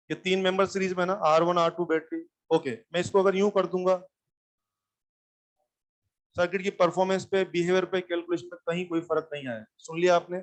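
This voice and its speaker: Male physics teacher, high voice, repetitive classroom explainer. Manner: addresses students directly, repeats points, tells them to sit and listen. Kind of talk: classroom lecture. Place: classroom with live students.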